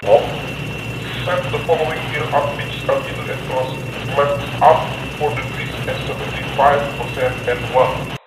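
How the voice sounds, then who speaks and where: A man's voice: a little high, steady tone, measured pace. Actor as strained male pilot over noisy headset. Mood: tense, procedural. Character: strained male airline pilot in failing cockpit. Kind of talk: cockpit reconstruction, checklist and radio calls. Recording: very noisy, distant, echoey cockpit radio.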